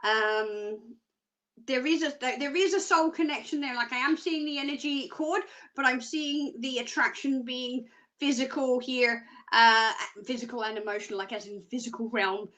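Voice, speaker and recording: A woman's voice: high voice, normal speed, fairly bright tone. A woman presenting a live psychic reading show, chatty and rambling with jokey asides, often checking in with "okay?".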